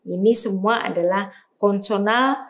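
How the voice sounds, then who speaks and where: A woman's voice: mid-range voice, unhurried. A woman with an Indonesian accent teaching a beginner reading lesson, over-enunciating example words with emphasis and often adding a short check-in tag. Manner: didactic, frequently checking in with a tag word. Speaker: language teacher.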